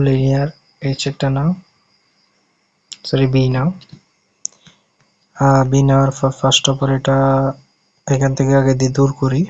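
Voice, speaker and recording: A man's voice: mid-range voice, darkish tone, highs cut off. A man from Bangladesh talking through an app-building tutorial step by step in a casual way, often correcting himself as he goes. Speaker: tutorial host.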